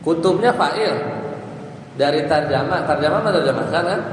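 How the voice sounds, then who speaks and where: A man's voice: a little high, expressive, moderate pace. A male Islamic teacher giving a grammar lesson, quizzing his listeners and chanting lines of Arabic text in a sing-song. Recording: very echoey hall, faint background noise.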